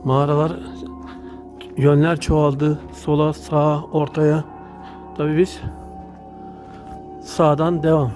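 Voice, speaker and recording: Mellow man giving a vlog tour. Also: a little high, little pitch movement, takes it slowly, pauses often. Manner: addresses viewers as friends while describing surroundings. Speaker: travel vlogger. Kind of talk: casual narrated walking tour. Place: inside an underground salt cave. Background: music.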